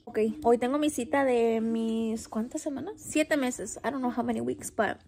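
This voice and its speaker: Breathless pregnant woman with a high, joking voice. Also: moderate pace, gravelly, a little mellow. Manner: joking, switches between Spanish and English. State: heavily pregnant, short of breath. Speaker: vlogger. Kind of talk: casual vlog chat.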